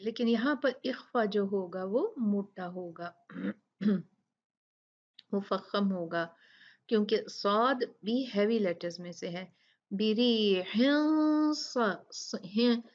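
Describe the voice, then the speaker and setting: A woman gives a recitation lesson and talks at an unhurried, careful pace. She repeats each example word and explains the rules patiently. The recording sounds dull and lo-fi. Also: mid-range voice. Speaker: Quran recitation teacher.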